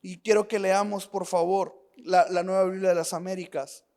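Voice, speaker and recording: A man's voice: high voice, flat delivery, moderate pace, darkish tone. A male pastor giving a sermon in an earnest style, repeating phrases, asking the congregation direct questions, and weaving in stories about his family. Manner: mixes personal family stories into preaching.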